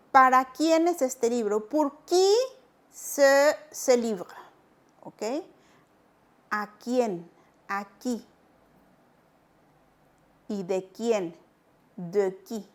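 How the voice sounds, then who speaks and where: Woman, language teacher, high-ish voice, patient explainer. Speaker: French teacher. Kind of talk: online language lesson.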